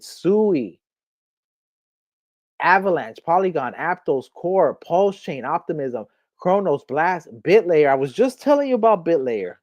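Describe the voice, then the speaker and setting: An excitable crypto channel host walks viewers through a screen, stacking up "okay?" and "look at this right here" between points. The voice sits in a middling register. It comes across dry and close, with no room around it. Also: medium pitch, no room sound. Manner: hyped, keeps repeating "okay?" and "right here"; addresses viewers as "my people". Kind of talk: screen walkthrough commentary.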